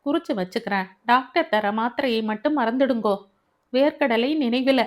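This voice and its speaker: A woman voicing a sharp-tongued daughter-in-law in an audio novel, speaking sarcastically in a raised voice. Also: on the high side, moderate pace, voice pushed up, lightly acted. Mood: sarcastic. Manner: sarcastic, needling.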